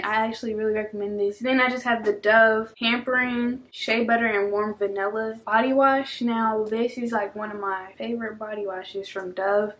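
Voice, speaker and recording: Chatty young woman, slightly high voice. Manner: chatty, heavy use of filler "like". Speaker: beauty vlogger. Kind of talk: casual chat to camera. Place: at home.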